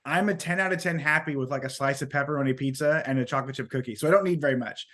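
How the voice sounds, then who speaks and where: A sick, hoarse American man around thirty with a smoker's rasp, talking casually as an interview guest. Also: mid-range voice, rapid-fire, a bit bright. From small town in Washington, United States. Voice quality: raspy like a smoker, from being sick. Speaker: podcast guest.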